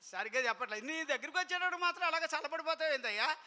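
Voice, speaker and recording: A man preaching a sermon as pastor, telling a story in an animated way, acting out the voices of biblical figures and calling on the congregation to answer aloud. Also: very high-pitched, racing.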